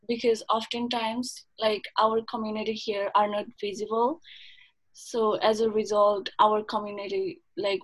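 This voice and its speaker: A woman's voice: medium pitch, slightly rough, poor audio. A young woman from Nepal, a youth coordinator, giving an earnest public comment over a video call with frequent ums and likes.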